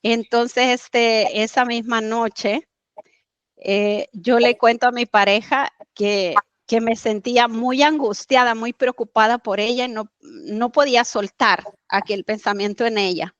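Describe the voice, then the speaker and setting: A woman guest telling a personal story in conversation, earnest and halting, with frequent fillers. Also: fairly high pitch, fairly even intonation, dry recording, dull audio. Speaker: interview guest.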